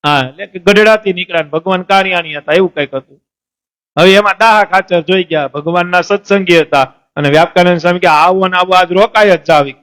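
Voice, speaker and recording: A man's voice: high voice, brisk, a bit bright. A man, a lay preacher telling devotional stories in a temple assembly, asking his listeners questions and acting out the saints and devotees. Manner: asks the audience questions and answers them, voices saints and devotees in the stories. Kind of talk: storytelling sermon.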